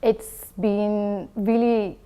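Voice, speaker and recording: A woman's voice: mid-range voice, steady tone, very slow, mellow, clear, resonant tone. A woman from Singapore, a guest in an interview, answering thoughtfully with frequent hesitations and filler ums.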